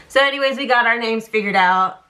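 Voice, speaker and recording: A young woman telling a story casually, chatty and animated, full of fillers. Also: fairly high pitch, brisk. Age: young adult.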